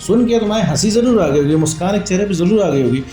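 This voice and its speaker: High-voiced man giving blunt advice. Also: lively intonation, fast, mellow, reverberant, faint music behind. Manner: informal, lecturing, keeps calling the listener "my friend". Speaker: relationship advice vlogger. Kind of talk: direct-to-camera advice talk.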